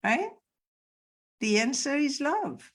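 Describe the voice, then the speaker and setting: Earnest higher-voiced woman teacher. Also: big pitch swings, takes it slowly. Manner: earnest, emphatic, repeats words for stress. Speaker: spiritual teacher. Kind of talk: conversational interview on a call. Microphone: video call.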